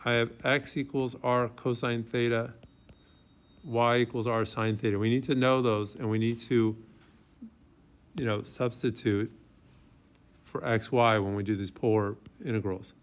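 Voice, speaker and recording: A man's voice: medium pitch, level tone, measured pace, pauses often, clean tone. Male math professor lecturing informally. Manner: informal, thinks aloud while writing, checks in with students. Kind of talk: classroom lecture, working through problems aloud.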